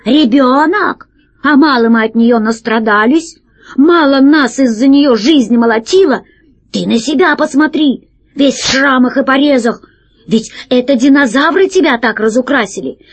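Grumpy rat pirate boss guy, woman reading it, snappy and loud, kinda breathy. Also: high voice, moderate pace, no room sound, voice pushed up. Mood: grumbling, wary. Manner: curt, grumbling, louder than the narration. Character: scheming rat pirate captain, male, wary and sharp. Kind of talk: storybook reading.

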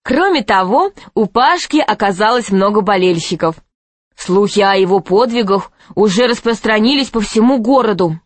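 A woman's voice: medium pitch, normal speed, dry recording. Woman narrating a children's storybook. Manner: expressive, lively character reading. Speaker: audiobook narrator.

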